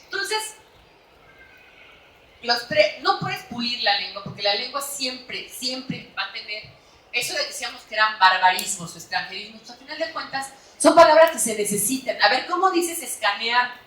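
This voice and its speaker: A Mexican woman author giving a lively, chatty public talk at a book fair, tagging her sentences with quick questions to the audience. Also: fairly high pitch, distant mic. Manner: animated, chatty, frequent "¿no?" tags. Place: large echoey hall at a book fair. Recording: echoey hall, voice from off-mic.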